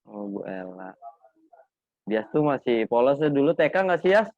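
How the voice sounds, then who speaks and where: A man's voice: mid-range voice, big pitch swings, moderate pace, darkish tone, no echo. Guy asking chatty questions, lots of "ya?" tags, sounds like a thin phone call, dry. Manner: chatty, prompting with many tag questions. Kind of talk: casual interview on a remote call.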